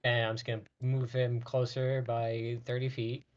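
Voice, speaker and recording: A man's voice: mid-range voice, monotone, normal speed, dull audio. A man playing a tabletop role-playing game, talking casually through his moves. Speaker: player in a tabletop RPG.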